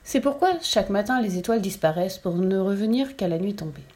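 A woman's voice: mid-range voice, fairly quick. Woman reading a children's tale. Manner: lively, expressive reading. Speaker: storyteller. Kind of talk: reading a children's story aloud.

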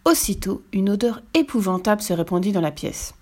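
A woman narrating a children's storybook with lively, expressive delivery. Her voice sits at an ordinary middle pitch. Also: fairly quick.

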